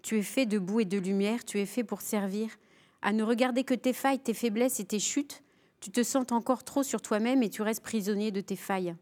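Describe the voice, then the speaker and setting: A woman guest on a TV studio show, reading a spiritual text aloud in a measured, raised voice. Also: mid-range voice, darkish tone. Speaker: guest, author.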